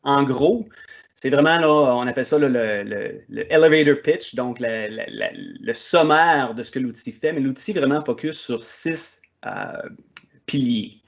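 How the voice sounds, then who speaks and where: A man's voice: medium pitch, sing-song, unhurried, vocal fry, muffled recording. A man from Quebec with a Québécois French accent, presenting a technical conference session with frequent fillers and restarts. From Quebec, Canada. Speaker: conference speaker.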